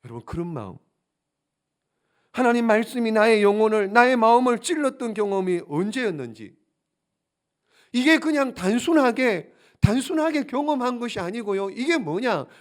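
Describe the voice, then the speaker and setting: A man with a notably high voice preaches to his church, pressing the congregation with question after question. His delivery is emphatic and grows fervent and pleading as he drives each point home. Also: sing-song, normal speed. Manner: asks the congregation many rhetorical questions. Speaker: pastor. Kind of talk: sermon. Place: church sanctuary.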